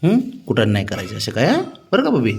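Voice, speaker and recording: A man's voice: mid-range voice, huge pitch swings, fast talker, vocal fry, crowd noise. A man at home talking affectionately to his pet cat, coaxing and teasing it. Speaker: pet owner vlogger.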